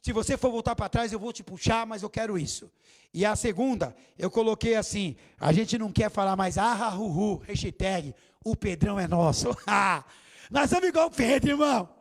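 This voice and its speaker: A man preaching a sermon as bishop in a church, lively and theatrical. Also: high-pitched, moderate pace. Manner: animated, theatrical preaching with acted quotes.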